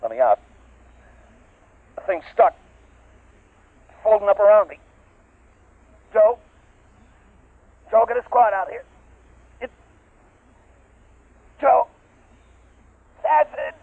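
A man's voice: high voice, big pitch swings, takes it slowly, gravelly, pauses often, no room sound, heavily acted. An actor playing a male field captain on a recorded field transmission in a 1950s radio drama. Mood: panicked. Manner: casual, then screaming in panic. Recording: dry tinny old radio sound.

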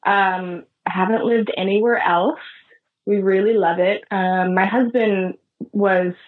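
A woman's voice: medium pitch, steady tone, unhurried, narrow, tinny audio. A woman from Seattle, a wedding photographer, chatting casually and friendly as a podcast guest. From Seattle, USA. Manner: friendly, chatty, laughs easily. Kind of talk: casual interview chat.

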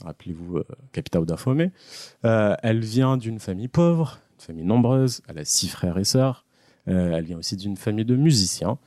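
Hosting a history segment on a relaxed podcast, a man speaks briskly and expressively in a lowish, darkish voice, recorded clean in a studio without echo. His storytelling is full of jokes and hesitant trailing-off.

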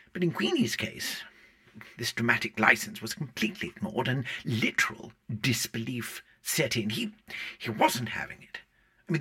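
An actor playing a pompous, theatrical drama-club man interviewed in a mockumentary, who talks in a formal, grandly measured way. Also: mid-range voice, bright, forceful tone, slightly rough, heavily acted.

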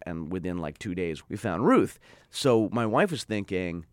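With big swings in pitch, a middle-aged interview guest in a casual chat spins a story, peppering it with "like" and acting out the voices of people he quotes. His voice is low, his pace moderate, and there's no echo.

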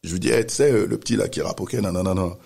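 A man telling a story in casual chat, animated, acting out the voices of the people he quotes. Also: sits low, quick pace, creaky, breathy edge. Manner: animated, acts out quoted voices, many restarts. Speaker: music manager telling a story.

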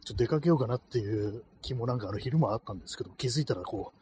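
A man's voice: mid-range voice, animated, racing, a little mellow, a little hiss or hum. A man hosting a casual solo podcast, talking into his phone while walking a night street, rambling with many fillers. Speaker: podcast host. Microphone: phone held in cold hands. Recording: faint street ambience outdoors.

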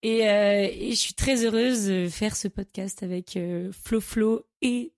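Young woman, hoarse with swollen tonsils. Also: medium pitch, fairly even intonation, a little slow, darkish tone. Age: 20s. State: throat-infection voice from tonsillitis, hoarse. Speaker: podcast guest; student opera singer. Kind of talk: casual chat.

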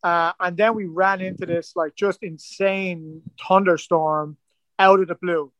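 A man's voice: high voice, fairly even intonation, measured pace, fairly bright tone, no room sound. An Irish man from Ireland, a guest rower telling his story in a casual interview, rambling with lots of "like" and "kinda". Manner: rambling, full of "like" and "kinda" fillers.

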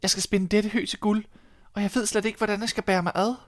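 A man's voice: high voice, little pitch movement, no echo, studio quality, voice pushed up, close to an everyday voice. A man voicing a poor, frightened young miller's daughter in a storybook, tearful and pleading.

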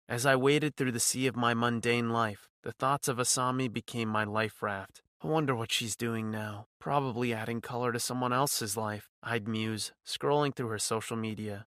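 A man's voice: mid-range voice, a bit bright, no echo, studio quality. A man narrating a first-person audio story in a wry, sardonic tone.

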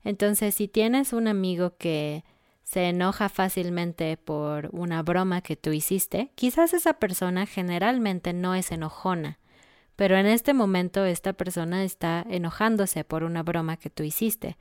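A Mexican woman co-hosts a relaxed Spanish lesson, explaining each word patiently through everyday examples. Her voice sits low for a woman and sounds smooth and clear. The recording is dry and close. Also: a little slow, dry recording. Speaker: Spanish teacher. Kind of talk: casual language lesson.

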